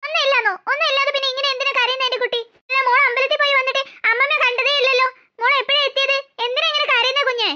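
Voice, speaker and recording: A woman's voice: very high-pitched, steady tone, racing, sharp tone, exaggerated voice. A woman voicing a greedy, spiteful old grandmother in a cartoon, gossiping and scheming over family money. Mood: fussing.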